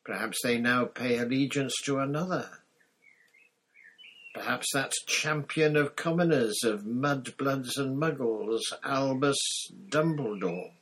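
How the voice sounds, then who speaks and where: A man playing a cold, mocking dark wizard lord who speaks in a soft, deliberate, menacing way, as in an audiobook story. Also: medium pitch, slightly rough, voice pushed up, rough recording. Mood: scornful, disappointed.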